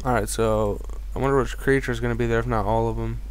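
A man's voice: medium pitch, steady tone, fast, a little hiss or hum. A young man in casual gaming chat as a let's play gamer, talking in an informal, profane way. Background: faint game music.

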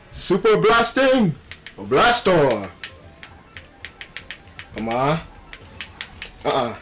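A man giving animated, playful gameplay commentary with exclamations and trash talk, speaking with a retainer in his mouth. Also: sits high. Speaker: gaming video host. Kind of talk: excited live gameplay commentary.

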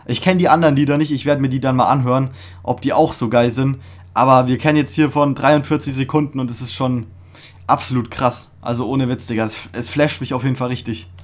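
A young man hosting a casual music reaction, talking in an excited, slangy way with many fillers and restarts, recorded in a small room. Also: mid-range voice, a little fast. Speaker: reaction video host. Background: faint music playing.

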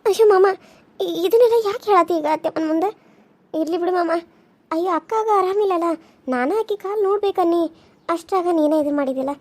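A woman's voice: extremely high pitch, brisk, a little mellow. A woman voicing a young village woman in a cartoon serial, coaxing and soothing, with a North Karnataka accent. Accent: North Karnataka Kannada.

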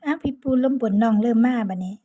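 A woman's voice: a little high, expressive, fast talker, phone-quality sound. A woman with an Isan accent chatting casually on a live stream, greeting and thanking viewers by name. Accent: Isan (Northeastern Thai). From Sakon Nakhon, Northeast Thailand. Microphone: phone.

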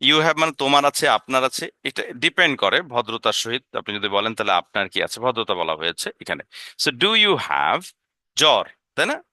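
A man's voice: medium pitch, brisk, pushed and bright, no room sound, clean studio sound. A man with a Bengali accent teaching an English lesson, explaining sentences step by step and asking his listeners to look again.

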